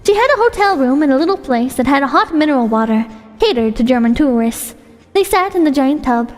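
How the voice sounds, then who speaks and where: A woman's voice: high-pitched, a little mellow. A woman reading a short story aloud as its narrator. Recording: long hall reverb with music.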